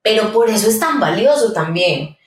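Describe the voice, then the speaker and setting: Woman calmly explaining parenting advice. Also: medium pitch, moderate pace. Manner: explanatory, gives calm step-by-step advice. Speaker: guest pedagogue. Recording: roomy sound, mic at a distance.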